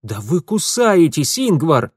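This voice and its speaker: A man's voice: mid-range voice, lively intonation, normal speed, darkish tone, no echo, close to an everyday voice. Man voicing a wry, sardonic young man. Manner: dry, sarcastic.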